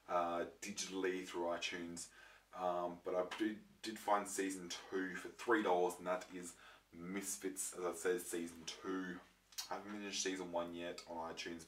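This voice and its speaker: This young vlogger, croaky with a throat infection, rambles to camera about his disc collection, full of ums and restarts. His voice sits low with a fairly bright tone. It's recorded in a roomy space with the mic far away and some faint noise.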